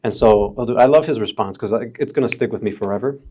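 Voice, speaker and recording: A man in his early thirties from the Chicago area, telling stories as a podcast guest in a relaxed, casual way, peppered with bro and dude. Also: on the low side, fast, breathy edge. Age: 30s. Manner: laid-back, calls friends bro and dude. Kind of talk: casual storytelling chat.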